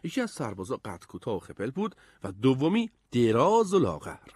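A man reads a storybook aloud with a husky, slightly breathy voice. His pitch swings widely as he shapes each scene, and the sound is close and dry. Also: no echo. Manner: expressive, animated storytelling. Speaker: narrator. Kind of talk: storybook narration.

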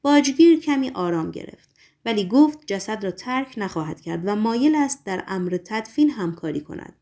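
A woman narrating a novel as an audiobook in a measured, literary reading. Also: medium pitch, animated, warm tone.

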